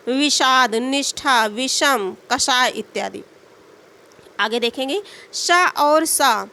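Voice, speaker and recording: High-voiced woman teaching grammar. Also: a bit bright. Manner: explains and repeats points with rhetorical questions. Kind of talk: Hindi grammar lesson.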